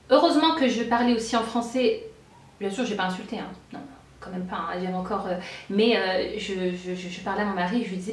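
A woman in her thirties telling a personal story to camera in a casual vlog, animated, acting out quoted lines, with many fillers and restarts. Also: on the high side, distant mic. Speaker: vlogger. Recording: roomy echo, away from the mic.

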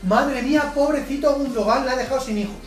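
A man commentates his own football video game match. He gets excited easily, shouts at big plays and groans when things go wrong. He sits back from the mic in an echoey room, with faint music underneath. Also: extremely high pitch, fast, distant mic. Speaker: gaming YouTuber. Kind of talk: live gameplay commentary.

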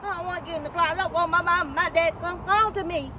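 A woman's voice: very high-pitched, fairly even intonation, fast, pushed and bright, some chatter behind. Woman playing a whiny little girl Areola. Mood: whining. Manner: childish stammering and whining.

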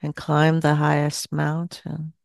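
An older woman in her sixties with a gravelly voice acts as a seance medium under trance. She speaks in short, solemn phrases at a steady pitch, pausing at length between them. The recording is dry and close on a headset, in a small, dim indoor room.

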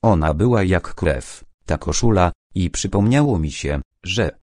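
A shaken, nervous young woman, as a male audiobook reader voices her, soft-spoken and halting. The voice stays low and dry, with lively shifts in pitch. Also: dry recording. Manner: quiet, hesitant. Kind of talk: audiobook character reading.

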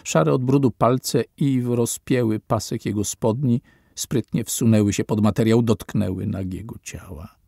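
A man reading a story as audiobook narrator, in slow, measured scripted narration whose lines fall away quietly at the end. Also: fairly low pitch, vocal fry, breathy edge, no room sound, clean studio sound.

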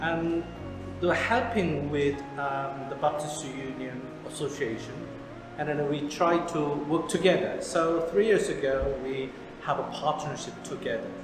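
Interviewed in an echoey church hall with background music, a South Korean-born pastor in his forties speaks halting second-language English full of fillers. His voice sits on the high side.

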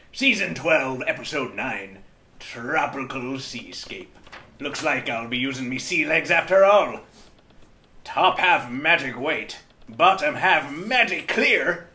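Slow, bright-voiced man hamming up pirate talk. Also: medium pitch, slight background noise. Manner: hammy pirate talk throughout. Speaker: host. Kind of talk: comedic drinking and painting show. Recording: roomy echo, mic at a distance.

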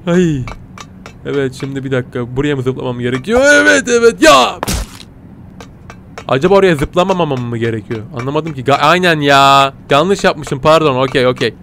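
A man giving playful, excitable let's-play commentary, chatting to his viewers and yelping at every surprise. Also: mid-range voice, fairly quick, a little hiss or hum. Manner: excitable, yelps and squeals at surprises, talks to viewers as "kitties". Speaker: gaming channel host.

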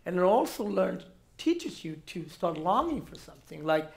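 A man from Ethiopia speaking on a stage panel, animated and restarting often. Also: sits high, normal speed, vocal fry. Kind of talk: panel discussion. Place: large auditorium stage. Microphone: headset mic.

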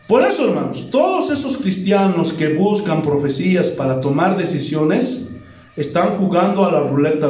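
Brief: Bolivian male pastor, high voice, animated sermon, recorded from a distance in a roomy church. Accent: Bolivian Spanish. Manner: animated preaching, frequent "Gloria a Dios". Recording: echoey room, voice from far off.

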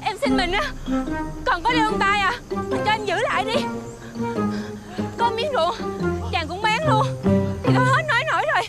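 An actress playing an exasperated young wife in a TV fairy-tale drama, with a pleading manner. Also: female voice, very high-pitched, moderate pace, over loud music.

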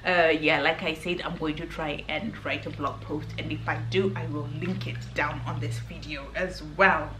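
Speaking at a normal speed with hardly any pauses, this woman has a low-sitting, fairly bright voice and fairly even intonation. She's a beauty vlogger in her thirties, a non-native English speaker, earnestly reviewing skincare to camera in a casual way and frequently starting over. The camera is held at arm's length in an indoor hotel room that sounds echoey, with a faint hum behind her.

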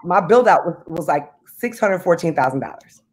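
A woman in her thirties on a video call from home, talking in an animated, emphatic way about money and business. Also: on the low side, normal speed, slightly rough. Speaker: guest, business owner. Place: home room indoors. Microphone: video call webcam.

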